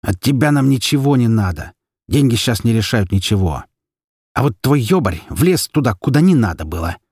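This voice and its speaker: A man's voice: medium pitch, sing-song, normal speed, a little mellow, husky, dry recording, studio quality. A man voicing a crude, threatening gangster who curses as he questions a captive. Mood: menacing. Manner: coarse, threatening, cursing. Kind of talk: audiobook character voice.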